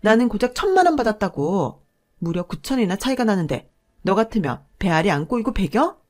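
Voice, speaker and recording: A woman's voice: medium pitch, sing-song, brisk. A woman doing a bossy middle-aged sister-in-law, greedy, scolding, hot-tempered, storybook drama. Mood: furious. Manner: bossy, scolding, loud in anger.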